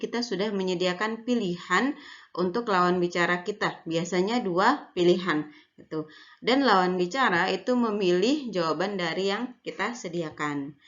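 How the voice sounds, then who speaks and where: A young woman lecturer giving a recorded online lesson, explaining in a casual way with frequent fillers and tag words. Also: on the low side. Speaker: university lecturer. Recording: dull lo-fi audio.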